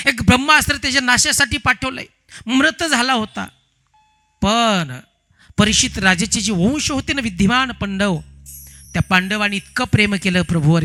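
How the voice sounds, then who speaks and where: A man preaching a devotional sermon, telling parables in an animated way and asking the audience rhetorical questions. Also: very high-pitched. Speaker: kathakar preacher.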